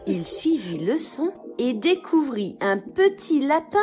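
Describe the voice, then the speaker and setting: In a high-pitched voice and at a slow pace, a woman reads a children's story aloud in an expressive, scripted style, keeping her phrasing clear for young ears.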